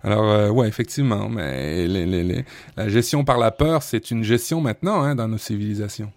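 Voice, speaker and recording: A man's voice: lowish voice, normal speed, a little mellow, dry recording. A man with a Québécois accent co-hosting a tech podcast, talking casually with many hesitations and fillers. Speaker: podcast co-host.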